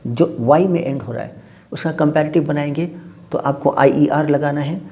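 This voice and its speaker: Male tutor, dark gravelly voice, patient classroom explainer who spells out words. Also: on the high side, moderate pace. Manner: says "okay" constantly, spells words letter by letter. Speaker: English grammar teacher. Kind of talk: explaining lesson in Hindi with English terms.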